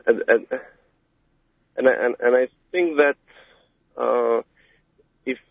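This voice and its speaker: A man from Albania calling into a radio show, speaking haltingly with many fillers. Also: medium pitch, vocal fry, no room sound. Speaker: caller. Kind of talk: call-in radio talk. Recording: tinny phone line on the radio.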